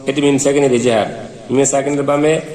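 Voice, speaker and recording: A man's voice: mid-range voice, steady tone, brisk, a little mellow. A man teaching Quran reading, spelling out syllables one by one and then chanting the verses melodically. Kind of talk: slow spelled-out recitation lesson. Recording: echoey hall reverb.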